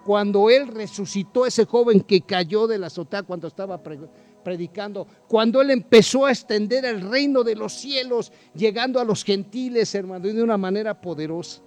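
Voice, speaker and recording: A man's voice: high-pitched, a little mellow. A man preaching a sermon, reading Bible passages aloud and putting direct questions to the listener. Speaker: pastor.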